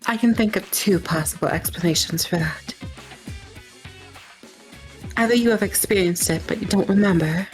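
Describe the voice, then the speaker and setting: A woman reading the lines of a calm, matter-of-fact young ally from a game. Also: mid-range voice, normal speed, pauses often, soft background music, close to an everyday voice. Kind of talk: reading a game's dialogue aloud in character.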